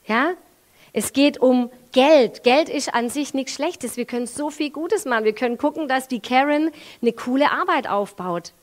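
A woman with a Swabian accent preaching a sermon in a lively way, moving from quiet to loud and using everyday examples. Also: sits high, moderate pace. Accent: Swabian German. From Swabia, Germany. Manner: lively, with big swings in loudness and everyday examples.

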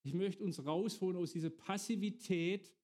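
A man's voice: sits high, normal speed, a little mellow. A middle-aged man preaching a sermon, often turning to his congregation with direct questions.

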